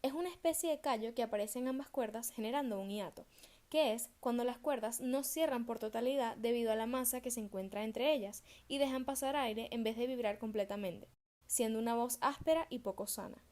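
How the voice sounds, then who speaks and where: A young woman reads her research presentation aloud, pronouncing each term with care. Her voice sits a little high, and the delivery is steady and studious. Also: a little fast. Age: young adult. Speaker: student presenter.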